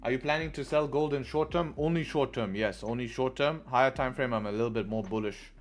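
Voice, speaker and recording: Over soft background music, a man from England talks fairly quickly in a medium pitch as he hosts a live trading stream, chatting loosely, repeating phrases, and replying to viewers' questions.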